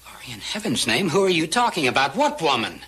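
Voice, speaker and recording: A man acting as an anxious, gentle middle-aged American father in a 1960s TV western, pleading in hushed tones that rise with distress. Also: on the high side, sing-song, fairly quick. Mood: alarmed, baffled. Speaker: actor in a TV western.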